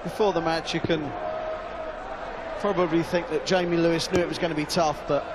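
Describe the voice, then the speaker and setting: A man's voice: a little high, flat delivery, brisk, over a noisy crowd, heavy background noise. A man giving live darts commentary in emphatic, short punchy phrases.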